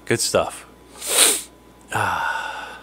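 A nasal-sounding man in his thirties, shaking off a cold, hosts a laid-back livestream indoors in his home fishroom with its aquariums. He speaks very slowly, his voice pushed and bright, chatting, laughing often, and naming viewers as he greets them. A close studio mic on a stand captures him, with a little hiss or hum.

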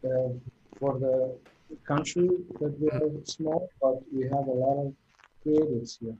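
A man's voice: medium pitch, fairly even intonation, a little slow, warm tone, slight background noise. A man from Kosovo, a native Albanian speaker, answering interview questions hesitantly in simple phrasing over a video call. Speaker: guest designer. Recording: dull lo-fi video call audio.

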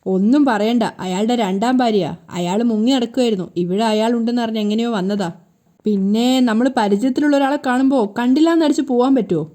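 A woman voicing a smooth-talking, scheming middle-aged man who lies persuasively. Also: on the high side, fast, dark tone, natural voice.

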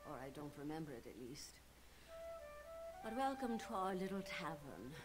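A chatty, welcoming tavern regular who wanders off mid-thought and corrects herself. Her voice sits low for a woman. Loud music plays under the game audio. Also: big pitch swings, moderate pace, rough recording. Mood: friendly. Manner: rambling, self-correcting, welcoming. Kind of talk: video game character dialogue.

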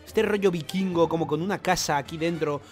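A young man with a Spain Spanish accent giving excited, jokey, swear-filled reaction commentary on a manga chapter. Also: a little high, brisk, soft background music.

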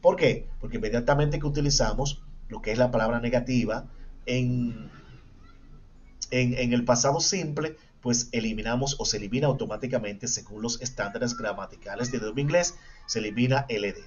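Spanish-speaking male English teacher, lo-fi. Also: mid-range voice. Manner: switches between Spanish and English, repeats each example slowly; quizzes himself aloud with pupils' questions. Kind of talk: online class explaining grammar. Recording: dull lo-fi sound.

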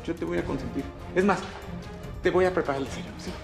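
A man's voice: a little high, quick pace, vocal fry, reverberant, music in the background. An actor playing a timid schoolteacher who keeps pleading with and placating his controlling wife. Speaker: math teacher.

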